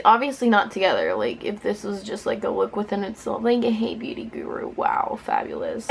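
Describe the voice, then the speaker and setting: A woman's voice: medium pitch, vocal fry. Giggly drunk woman doing a makeup tutorial. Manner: playful, self-deprecating, swearing. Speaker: beauty vlogger presenting a makeup tutorial. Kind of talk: casual makeup tutorial chat to viewers.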